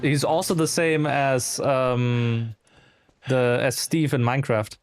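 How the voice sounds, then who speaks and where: A man's voice: mid-range voice, fairly even intonation, takes it slowly, faint music behind. A man giving casual livestream commentary as he plays, rambling along with muttered asides. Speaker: game streamer.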